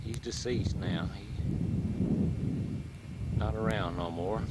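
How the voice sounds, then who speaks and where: A man's voice: fairly low pitch, fairly even intonation, slow pace. Folksy Southern man, noisy outdoor camcorder. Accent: rural Southern American. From rural southern United States. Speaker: father filming a home-video tour of family farmland. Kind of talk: casual home-video narration and chat. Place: outdoors on a windy ridge and farm. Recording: windy, very noisy 1980s camcorder audio.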